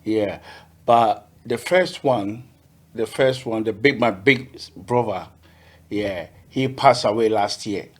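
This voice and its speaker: A man from Ghana, a podcast guest telling his story in a cheerful, halting way, often repeating words. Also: on the low side. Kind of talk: casual interview.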